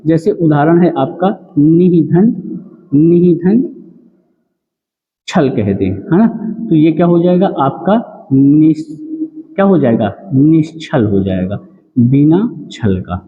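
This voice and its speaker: Each example word gets slowly spelled out syllable by syllable as a man with a fairly high voice runs an exam-prep grammar lesson, repeating rules and constantly quizzing the listener. He speaks expressively, and the lo-fi, tinny recording has a long, ringing echo.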